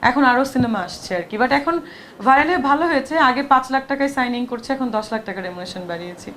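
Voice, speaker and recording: A woman's voice: sits high, quick pace, a bit bright, slight background noise. A woman actress with a sore throat, chatty and defensive while answering press questions at a shoot. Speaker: film actress. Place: noisy shooting location.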